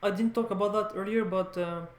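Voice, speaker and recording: A man records a loose, spontaneous talk for his viewers, his speech halting and meandering as he repeats and corrects words. French is his first language and he's a learner vlogger; his pitch is high, his intonation fairly even, and the room echoes clearly.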